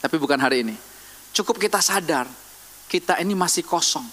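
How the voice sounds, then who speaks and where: A man preaching a sermon in a lively, conversational way, teasing the congregation with questions. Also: a little high, brisk. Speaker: pastor. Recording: long hall reverb.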